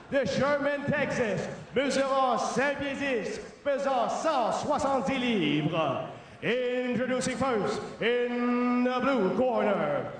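A man working as a ring announcer, giving formal fight introductions in a drawn-out, theatrical delivery. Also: extremely high pitch, a bit bright. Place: large indoor arena. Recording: echoey arena PA, distant, faint noise.

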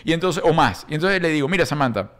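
A middle-aged man with a Venezuelan accent, co-hosting a podcast and telling a story in a casual, animated way, acting out quotes and laughing as he goes. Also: a little high, quick pace. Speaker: podcast co-host.

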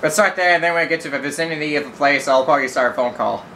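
A man's voice: fairly high pitch, rapid-fire, sharp tone, slight background noise, poor audio. A man casually narrating a driving game, rambling and joking at himself while role-playing his character. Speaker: gameplay commentator.

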